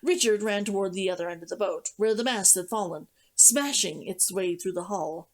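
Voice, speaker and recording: A woman reading a novel aloud as a streamer, narrating in an expressive, dramatic storytelling manner. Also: medium pitch, moderate pace. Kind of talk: audiobook-style story narration.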